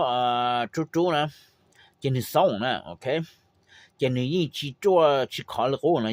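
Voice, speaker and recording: Slow, rambling man explaining breeding. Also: medium pitch, no room sound. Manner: unhurried, rambling, with frequent fillers and clipped confirmations. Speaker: poultry breeder explaining his method. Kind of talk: informal how-to talk.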